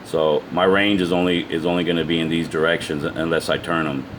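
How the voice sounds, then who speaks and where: A man with a very low voice talks informally to his viewers without a script. He moves haltingly, restarting and repeating words as he explains. A faint steady noise sits behind his voice. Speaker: amateur video presenter. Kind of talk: casual unscripted explanation to viewers.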